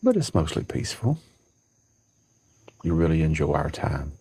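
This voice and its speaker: A man, calmly thanking viewers on a live stream from his porch. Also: a bass voice, normal speed, husky. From central Alabama. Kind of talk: casual chat on a live stream. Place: outdoors on a home porch at dawn.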